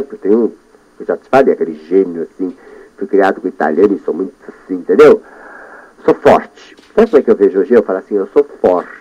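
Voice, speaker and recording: A Brazilian man hosting a radio show, talking in a lively monologue and coaching himself aloud, going from loud bursts to soft murmurs. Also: mid-range voice. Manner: animated, talks to himself, shifts between loud and soft. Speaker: radio host. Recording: dull lo-fi radio broadcast.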